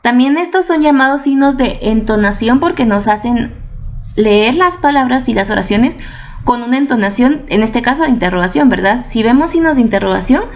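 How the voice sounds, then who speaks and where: A woman's voice: fairly high pitch, lively intonation, normal speed. A woman teaching a video lesson to children, patient and explanatory, often checking that they follow and repeating words for emphasis.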